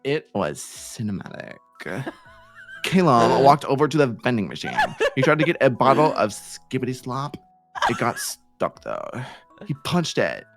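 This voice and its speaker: Male streamer, comedic fanfic read, wildly swinging pitch, unhurried delivery. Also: faint music behind. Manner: animated, playful storytelling with sudden shouts. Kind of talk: comedic fan fiction reading.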